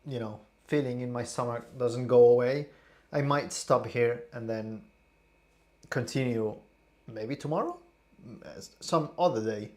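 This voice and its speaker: Slow-talking tipsy young man. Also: medium pitch, a little mellow. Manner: rambling, halting, repeats words. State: tipsy and queasy. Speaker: streamer. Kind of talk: casual vlog, taste testing.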